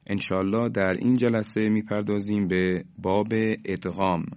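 A man teaching Quran recitation on the radio, explaining each rule and slowing down to model the recited examples. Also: lowish voice, level tone, darkish tone, no room sound, lo-fi sound.

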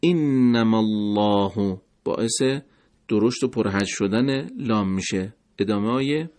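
A man giving a pronunciation lesson, speaking deliberately and repeating words slowly to demonstrate each sound. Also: fairly low pitch, a little mellow. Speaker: recitation teacher.

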